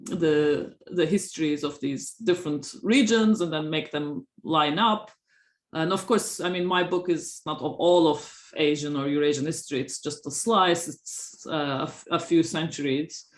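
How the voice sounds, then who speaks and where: A woman professor from Turkey answers interview questions, halting and full of fillers and little laughs. Her voice carries a noticeable echo from the room around her. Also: low-pitched. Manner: hesitant, many fillers and restarts, frequent laughs. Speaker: professor, author. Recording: roomy echo.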